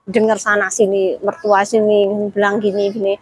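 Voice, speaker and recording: A woman's voice: mid-range voice, level tone, normal speed, husky, no room sound, rough recording. A woman, talking casually as an interview guest and retelling her story with quoted dialogue and many restarts. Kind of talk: casual chat.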